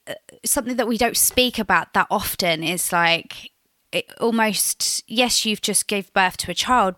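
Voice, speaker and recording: A woman's voice: medium pitch, sharp tone, no room sound. A woman hosting a podcast, encouraging and effusive as she interviews her guest. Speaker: podcast host. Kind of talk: conversational interview.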